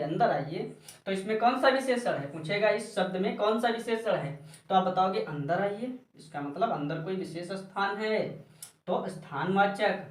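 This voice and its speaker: A man teaching a grammar lesson, asking questions and answering them himself, and calling his students child and brother. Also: sits high. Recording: echoey room, voice far from mic.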